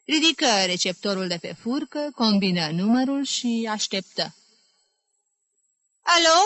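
A woman narrating a literary audiobook in a measured, clear reading manner. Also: medium pitch, lively intonation, a bit bright.

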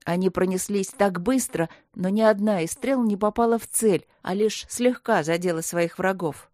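A woman narrating a fantasy audiobook in a measured, expressive way. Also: medium pitch, no room sound. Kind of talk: scripted fantasy story narration.

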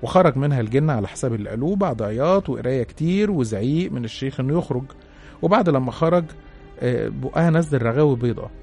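A man's voice: medium pitch, expressive, fast, gravelly, warm tone, faint music behind. A man with an Egyptian accent narrating a listener's horror story in the first person. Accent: Egyptian Arabic.

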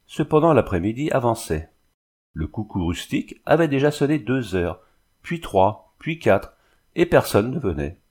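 A man reading a novel aloud as steady scripted narration, lifting his voice a little for the characters' lines. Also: medium pitch, normal speed, breathy edge. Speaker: audiobook reader.

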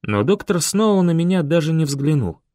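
Expressive male audiobook narrator. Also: a little high, moderate pace, no room sound, studio quality. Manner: steady, expressive reading. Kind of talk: scripted narration.

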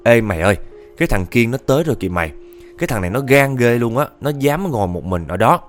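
A man's voice: mid-range voice, sing-song, fast, faint music behind, lightly acted. A man doing an insistent young student girl. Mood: excited. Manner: urgent, pointing things out.

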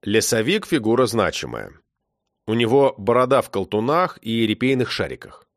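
A man narrating a children's story aloud with expressive delivery. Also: lowish voice, normal speed, no echo, studio quality. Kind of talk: audiobook reading of a children's story.

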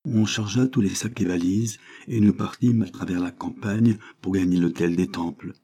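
A man with a low, warm voice narrates a classic novel as an audiobook. His reading is measured and expressive. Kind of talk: scripted literary narration.

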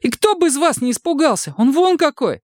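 A man's voice: very high voice, sing-song, darkish tone, no echo, studio quality, pitched above the performer's own voice. A man voicing a frightened young male army recruit who squeals and pleads breathlessly. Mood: frightened pleading. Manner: squealing, breathless, talking fast in panic.

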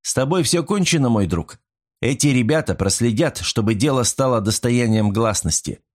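A sharp young woman detective, voiced by a male reader accuses and commands in a raised, lively voice. The delivery is crisp and triumphant. It is heard as part of a storybook reading. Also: mid-range voice, moderate pace, lightly acted. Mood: sharp accusing.

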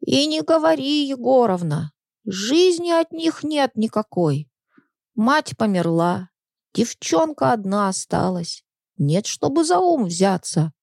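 A woman's voice: on the high side, sing-song, slow pace, creaky, a little mellow, dry recording, clean studio sound, pitched above the performer's own voice, exaggerated voice. A woman voicing a complaining old neighbour woman who laments in a sing-song way. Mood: lamenting.

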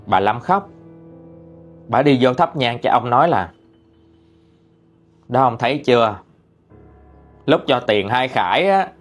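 A man with a Southern Vietnamese accent tells a ghost story in a chatty, colloquial manner. His voice sits at a middle pitch but rises and falls freely as he builds the tale. Faint music plays underneath.

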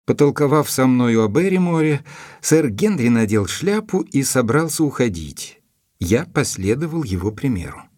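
An actor playing Dr Watson, an earnest, dutiful gentleman narrating his report in a measured, literary manner for an audio drama. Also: medium pitch, big pitch swings, dry recording, clean studio sound. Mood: measured, reflective. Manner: measured, deliberate, literary phrasing.

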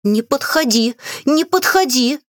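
A brash young witch yells and fights back, jumpy and defiant, as a woman puts her on. Her pitch swings widely. The recording is dry and close, like an audiobook booth. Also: very animated, measured pace, slightly rough, no echo, heavily acted. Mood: yelling. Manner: yelling, defiant.

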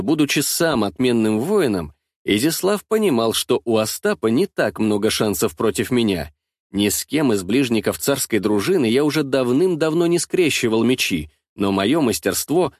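A male narrator tells a first-person historical audiobook in an expressive storytelling style. His mid-pitched voice swings up and down a great deal, captured on a close, completely dry studio recording.

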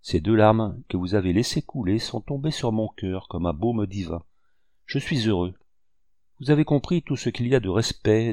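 A man's voice: on the low side, mellow, no echo, studio quality. A man reading an earnest devoted officer. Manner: earnest, emotional. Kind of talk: audiobook reading.

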